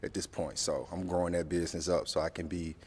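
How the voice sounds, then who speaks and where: A man's voice: low-pitched, flat delivery, fast talker, a little mellow, husky, big-room sound. A man in his late twenties introducing himself on a dating show, running through his jobs. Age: 20s. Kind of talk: self-introduction.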